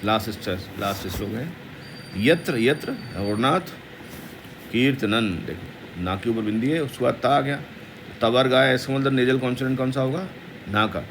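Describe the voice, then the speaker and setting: Gravelly man teaching Sanskrit pronunciation. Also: mid-range voice, noisy background. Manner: explains quickly, then chants verses slowly. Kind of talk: recitation lesson, explaining pronunciation.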